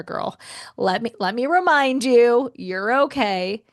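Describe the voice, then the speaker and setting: A woman who is a podcast host and life coach delivers a casual, expressive monologue on her self-help podcast, addressing listeners as friends. Her pitch is mid-range, and the recording is close and dry with no echo.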